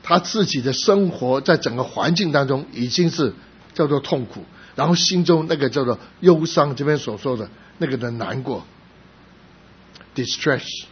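A man's voice: mid-range voice, lively intonation, normal speed, husky. Emotional man preaching a sermon. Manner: emotional storytelling, rising to loud emphasis then dropping soft. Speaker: pastor. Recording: slightly dull recording with faint background noise.

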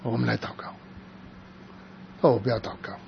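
Halting soft-spoken male pastor, lo-fi. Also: mid-range voice, level tone, creaky. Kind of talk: sermon testimony. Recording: dull lo-fi with faint noise.

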